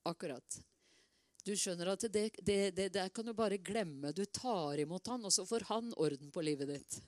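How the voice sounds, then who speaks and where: A middle-aged woman preaching a sermon in a lively, conversational way, with many asides and repeated words. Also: on the low side, no echo, studio quality.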